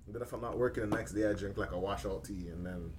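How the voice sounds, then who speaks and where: A man's voice: fairly low pitch, steady tone, quick pace. A young man with a Toronto accent bantering casually on a podcast, slangy and full of bro talk, protesting defensively. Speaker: podcast co-host. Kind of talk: casual banter among friends. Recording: clear background noise.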